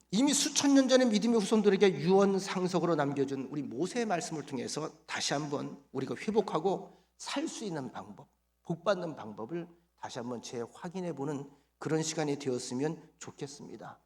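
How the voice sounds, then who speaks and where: Animated Korean pastor preaching. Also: male voice, on the high side. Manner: lively preacher who quizzes the congregation and has them repeat phrases. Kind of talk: sermon.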